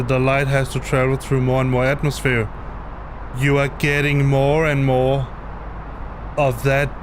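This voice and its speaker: A Danish-speaking man, streaming flight sims from his home basement, talks through an explanation live in a mid-range voice. He keeps hesitating, starting over and repeating words, with noise in the background.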